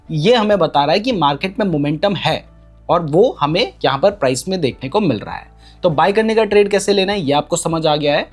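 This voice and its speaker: A man explaining a trading strategy in a chart tutorial, pointing things out on screen and mixing English terms into his speech. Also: fairly high pitch. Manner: mixes English terms into Hindi. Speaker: trading educator.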